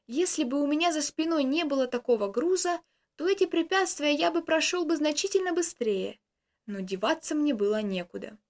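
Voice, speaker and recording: Woman reading a first-person story, high voice, steady and expressive. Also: fairly quick.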